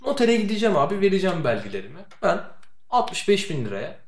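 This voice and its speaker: Brief: young male podcast co-host, animated storyteller, quick delivery, echoey room. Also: sits high. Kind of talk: casual chat. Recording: roomy echo.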